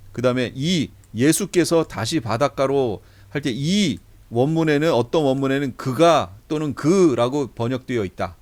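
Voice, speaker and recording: Middle-aged male pastor, slightly high voice, conversational lecture style with deliberate readings. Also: a little mellow. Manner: conversational, reads verses slowly aloud. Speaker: pastor teaching a Bible class. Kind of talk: lecture, explaining Bible translations.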